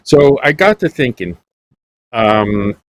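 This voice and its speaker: A man's voice: mid-range voice, big pitch swings, slow. Folksy, joking male Bible teacher. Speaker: Bible teacher and show host. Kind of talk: casual chat on a Bible study broadcast.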